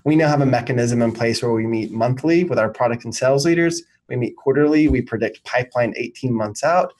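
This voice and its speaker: A man's voice: medium pitch, a little fast, darkish tone, poor audio. A man in his thirties, a marketing executive, explains frameworks confidently and fluently on a video call. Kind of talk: business interview answers. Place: home office, indoors.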